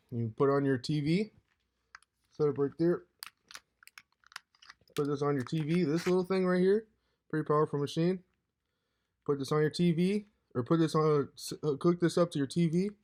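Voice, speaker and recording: Hoarse rambling man in his twenties. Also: a little high, darkish tone. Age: 20s. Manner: loose and meandering, saying "dude" constantly. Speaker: vlogger. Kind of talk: rambling casual vlog.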